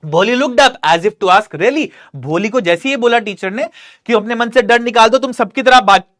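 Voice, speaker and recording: An English teacher explaining a story line by line, reading each English sentence slowly and then explaining it, defining words along the way. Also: medium pitch, a bit bright. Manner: defines words and checks in with "right?".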